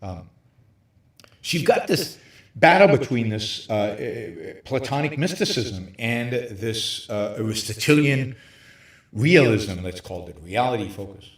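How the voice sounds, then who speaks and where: A man hosting a livestream, lecturing emphatically from a hotel room with very high ceilings, his voice carrying a hollow cave-like echo. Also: lively intonation, a little slow. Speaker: show host. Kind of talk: livestream talk on philosophy.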